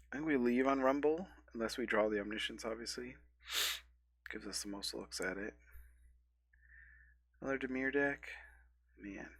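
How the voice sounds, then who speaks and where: Fighting a cold, this thirtysomething streamer sounds stuffy and scratchy, his fairly low voice gravelly and husky yet fairly bright. He casually narrates the card game he's playing, musing out loud, dropping fillers, and correcting himself. The audio has no room sound.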